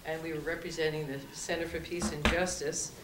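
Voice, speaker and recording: A woman's voice: sits low, little pitch movement, brisk. A woman making a prepared public comment to a village board. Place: indoor village hall meeting room. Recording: echoey, distant mic with clear background noise.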